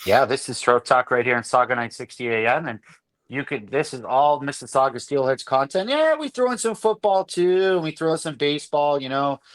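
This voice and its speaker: A man hosting a casual sports talk show from a radio studio, telling stories with lots of energy and breaking into laughter. His voice sits at an ordinary pitch for a man, and his manner stays chatty and friendly. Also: fairly quick. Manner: animated storyteller, laughs often.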